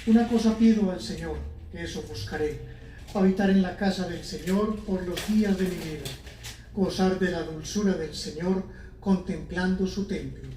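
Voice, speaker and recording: In an echoey church, a lector at Mass reads scripture and psalms in a solemn, formal manner, his high-pitched voice mellow and moderately paced. The mic is distant, and there is faint noise.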